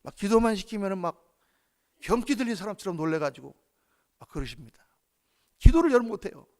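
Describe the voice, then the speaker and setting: A man's voice: high voice, big pitch swings, fairly quick, a little mellow. A man preaching a sermon as pastor of a church, in a conversational style that acts out short prayers.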